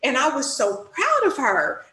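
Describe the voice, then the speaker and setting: A woman telling a personal story as an interview guest, animated, acting out her own reactions and laughing often. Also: a little slow, echoey room, poor audio. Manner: animated, acts out her own reactions with big pitch jumps; laughs often while talking. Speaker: guest, youth literacy director.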